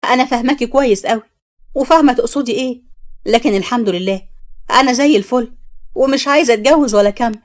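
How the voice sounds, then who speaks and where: A woman voicing an angry young bride, speaking with an Egyptian accent in a sharp, defiant way. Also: high-pitched, brisk, long pauses, natural voice. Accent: Egyptian Arabic.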